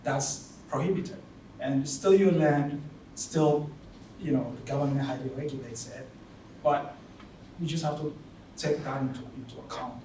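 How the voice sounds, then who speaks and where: A man's voice: mid-range voice, steady tone, warm tone. Man, distant in a very echoey hall. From Tanzania. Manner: halting, searching for words with many fillers. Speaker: audience member. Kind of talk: spoken remarks at a panel discussion. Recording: very echoey hall from far off, noisy.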